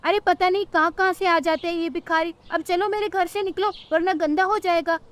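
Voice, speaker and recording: A woman's voice: extremely high pitch, fairly even intonation, fairly quick. A woman voicing a scheming, greedy female crow in a cartoon, whining and haughty by turns. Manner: whining, then haughty and scornful.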